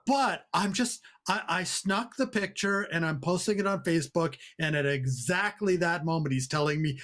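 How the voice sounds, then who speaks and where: A male podcast co-host with a voice pitched a little above average. He chats casually and comically, with a dry, teasing way of talking. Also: normal speed, fairly bright tone. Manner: teasing, wry.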